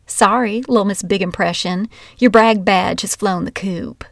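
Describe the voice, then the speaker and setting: A spiteful schoolteacher, put on by a woman reading her own story, speaks in a slow, mocking drawl. The sound is dry and close, with no room around it. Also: medium pitch, vocal fry, no room sound. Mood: sneering. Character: cruel, spiteful female schoolteacher.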